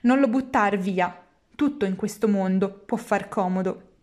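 A woman voicing a patient, kindly old man, a poor father, speaking lower and softer. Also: unhurried, close to an everyday voice.

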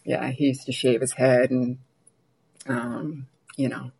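Low, gravelly Newfoundland woman. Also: little pitch movement, slow, a little mellow, rough recording. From Newfoundland, Canada. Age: middle-aged. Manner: chatty, laughs often, drops to a near whisper. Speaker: author guest. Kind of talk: podcast interview.

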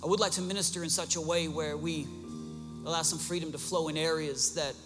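A man's voice: a little high, fairly even intonation, a little fast, big-room sound, music in the background. A male pastor preaching a sermon in a large church, with emphatic repeated refrains.

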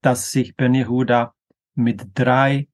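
A man explaining grammar in a careful lecture, pronouncing example words slowly and deliberately, with an occasional filler. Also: medium pitch, fairly even intonation. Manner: slow, deliberate, careful pronunciation of Hebrew terms. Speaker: language teacher.

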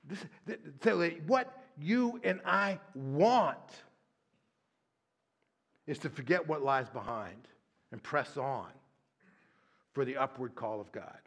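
A middle-aged man preaching as a pastor in a conversational sermon, often adding tag questions and stumbling on repeated words as he starts a line. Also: on the high side. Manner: tag questions, shifts from lively to hushed prayer.

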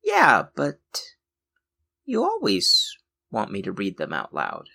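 An impatient young apprentice, acted by a man, complains in an exasperated, whiny way. The voice is husky and breathy, with pitch that leaps widely. He speaks at a slow pace. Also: huge pitch swings, sharp tone, full character voice. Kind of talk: audio drama acting.

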